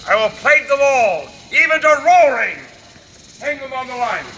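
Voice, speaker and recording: A man's voice: a little high, lively intonation, a little slow, pushed and bright, full character voice. A man playing a commanding, vengeful sorcerer on stage, declaiming in archaic English. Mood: bitter, vengeful. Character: commanding, vengeful male sorcerer with spirit servant. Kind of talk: live stage performance of Shakespeare. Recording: noisy live outdoor stage recording.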